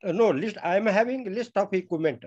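A man with an Indian accent hesitantly putting a question in an online class, in a halting way. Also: high-pitched, darkish tone. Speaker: valuer asking a question. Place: online group video call. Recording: dull lo-fi video call audio.

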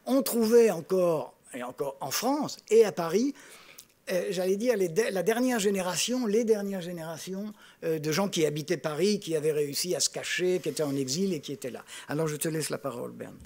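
A man in his sixties with a fairly high voice introduces a speaker informally from a stage table. He wanders into asides and often breaks off to restart his sentences. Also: animated, brisk, a little mellow. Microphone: gooseneck table microphone.

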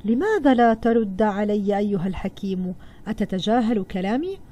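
A woman's voice: fairly high pitch, lively intonation, fast talker, darkish tone, husky. A woman teacher voicing a proud, demanding chief merchant who questions a sage, in a read-aloud storybook lesson. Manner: questioning, impatient.

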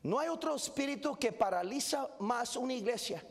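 Man, pastor, very high voice, fervent sermon that builds to shouting. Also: animated, moderate pace. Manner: fervent preaching, rising to shouts. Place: large church auditorium.

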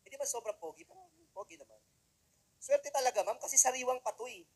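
A man's voice: very high voice, fast talker, a little mellow, husky, low-quality recording. A young man giving a joking, self-deprecating testimonial speech to an audience. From Philippines. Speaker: motivational speaker.

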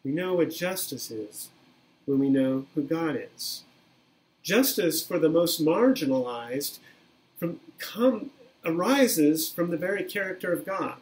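A man in his fifties preaching a sermon by webcam from a small room, in an earnest, measured way that repeats key phrases. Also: fairly high pitch, low-quality recording. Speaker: pastor. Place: small plain room indoors. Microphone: webcam at desk, video recording.

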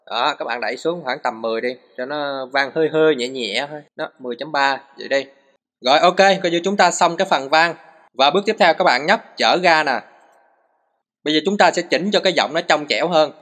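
A man's voice: mid-range voice, pushed and bright. A man walks through a phone recording tutorial step by step, patient and full of short repeated cues.

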